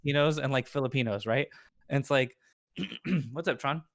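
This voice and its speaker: A man's voice: medium pitch, normal speed, vocal fry, no echo, studio quality. A young man chatting casually as a podcast guest. He rambles, fills his talk with "like" and "right?", and acts out other people's voices when he quotes them. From Orange County, California. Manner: rambling, heavy use of "like" and "right?". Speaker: guest, lawyer and streamer.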